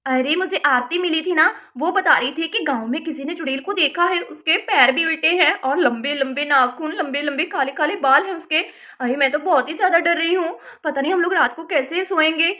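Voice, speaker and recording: A woman's voice: high-pitched, brisk, hardly any pauses, sharp tone. A woman voicing a young village wife in a doll story who is anxious and pleading. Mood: fearful. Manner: fearful, pleading.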